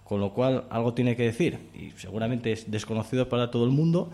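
A man guesting on a radio show chats enthusiastically about the festival he helps organize, restarting his sentences often. His medium-pitched voice is brisk and mellow, captured on a studio radio mic during this radio interview chat.

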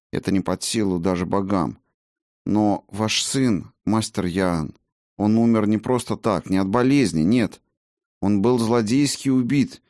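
A man voicing a gentle, soft-spoken male healer who talks earnestly in an audiobook. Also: on the low side, dry recording, clean studio sound, natural voice.

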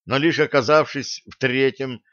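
A man narrating a science-fiction audiobook in an even, steady reading voice. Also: medium pitch, moderate pace, dry recording. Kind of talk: scripted narration. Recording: dull lo-fi audio.

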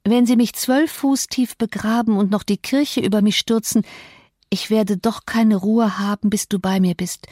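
A woman's voice: on the high side, fairly even intonation, measured pace, warm tone, no echo, clean studio sound. A woman voicing a feverish, delirious young woman who speaks in a raised, exalted, pleading way. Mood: delirious yearning.

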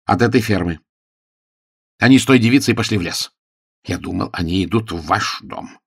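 A man's voice: on the low side, moderate pace, gravelly, breathy edge. A man voicing a flustered young suitor who talks timidly and stammers. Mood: explaining.

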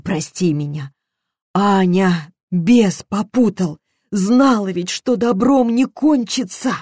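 A woman's voice: fairly low pitch, normal speed, a little mellow, husky, no room sound, studio quality. A woman voicing a frightened, tearful older housekeeper who talks in plain folk sayings and sighs a lot. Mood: remorseful.

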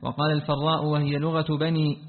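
A man reading a classical text aloud to his teacher, rushing and restarting when he stumbles over words. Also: a little high, monotone. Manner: rapid reading with frequent restarts after stumbles. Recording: tinny phone-like sound with a long hall reverb.

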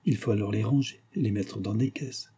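A man's voice: fairly low pitch, fairly quick, breathy edge. A man voicing a stern old nursemaid. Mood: grave stern. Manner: grave, hushed, admonishing. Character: old female servant, stern and pious.

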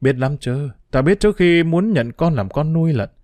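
A man voicing a kind old innkeeper who speaks softly and gently, like a father, in an audiobook. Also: fairly high pitch, expressive, normal speed, no room sound, close to an everyday voice. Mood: gentle. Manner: soft, gentle speech.

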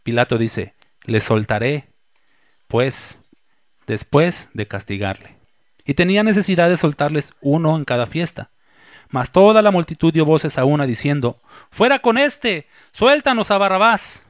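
A man preaching a sermon as a pastor. He reads scripture aloud and slowly repeats the key phrases for emphasis. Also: on the high side, animated, a little mellow, no echo.

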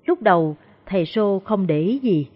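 A woman narrating a ghost story in a steady, even way. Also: medium pitch, normal speed. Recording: dull lo-fi recording.

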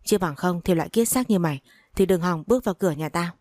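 A woman's voice: lowish voice, fast, darkish tone, no echo, natural voice. A woman reading the lines of a greedy, spiteful older mother-in-law who scolds and curses. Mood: furious. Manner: scolding, cursing, sneering.

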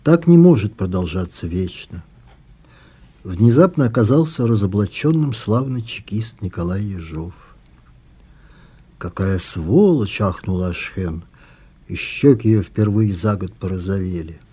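A man, the author, reading a passage from his own novel in a soft, measured way, after answering interview questions. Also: on the low side, animated, breathy edge.

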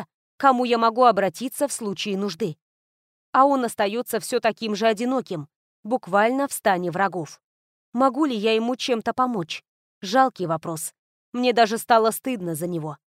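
A woman's voice: a little high, no room sound, clean studio sound. Woman narrating a novel in first person. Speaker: audiobook narrator.

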